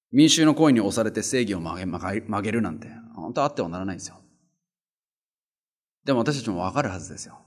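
A man giving a sermon, reading Bible verses and explaining them in a casual way, with rhetorical questions and emphatic endings. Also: mid-range voice. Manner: reads verses louder, drops to soft quiet asides. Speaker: pastor.

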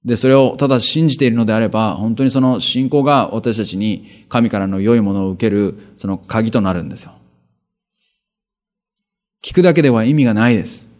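A man's voice: on the low side, fairly quick, a little mellow. A male pastor preaching, reading Bible verses aloud and then explaining them in a conversational way, with rhetorical questions and asides.

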